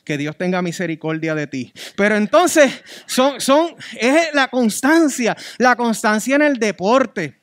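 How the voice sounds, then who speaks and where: A man with a Puerto Rican accent preaching a sermon as pastor, emphatic and repeating key words, swinging between loud and soft. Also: very high-pitched, big pitch swings, a little slow, dry recording, clean studio sound.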